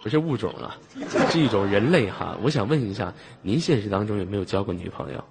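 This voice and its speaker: A man's voice: fairly low pitch, animated, fast talker, gravelly. A man hosting a live online voice chat, bantering and teasing callers in a joking way, often chuckling as he talks. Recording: noisy, long hall-like reverb on the mic.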